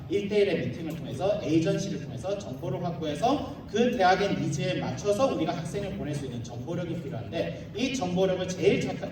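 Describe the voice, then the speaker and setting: Speaking fast and a bit high-pitched, a man representing his school walks a live admissions audience through a formal slide presentation, one point after another, with the odd joking, informal remark. The big hall echoes heavily, and since the mic sits far away, noise is plainly audible.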